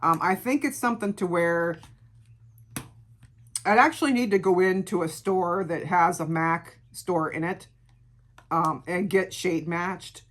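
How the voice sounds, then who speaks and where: A middle-aged woman with a gravelly voice, chatting casually through a beauty product review and repeating words for emphasis. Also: lowish voice, unhurried. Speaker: beauty vlogger.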